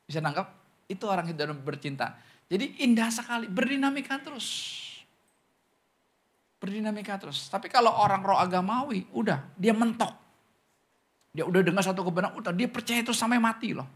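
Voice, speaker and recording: A man preaching a sermon as pastor, talking straight to the congregation and acting out questions in other voices. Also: fairly quick. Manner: animated preaching, often calls the congregation "saudara"; acts out questioners' voices in higher pitch.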